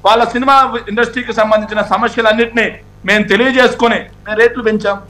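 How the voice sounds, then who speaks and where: A man's voice: sits high, little pitch movement, fast, bright, forceful tone. A man speaking for the ruling party in a heated TV debate, insistent, talking over the others and repeating himself.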